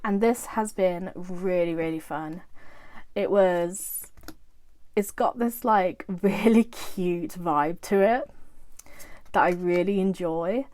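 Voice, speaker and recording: A woman's voice: lowish voice, slow pace, a little mellow, no echo. A woman vlogger in casual show-and-tell chat about her tarot decks, gushing and chatty, full of "like" and praise.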